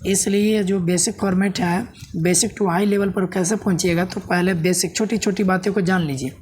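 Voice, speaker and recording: A man's voice: high voice, steady tone, moderate pace, darkish tone, a little hiss or hum. A man teaches a Sanskrit grammar lesson step by step. He keeps asking the viewer questions and checking "है ना?". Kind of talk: classroom-style video lesson.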